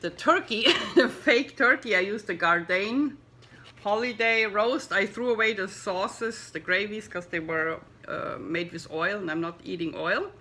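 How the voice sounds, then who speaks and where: A woman's voice: medium pitch, unhurried, sharp tone, slight background noise. A middle-aged woman chatting casually in her home kitchen for a food taste-test vlog, talking as she eats. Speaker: vegan cooking vlogger.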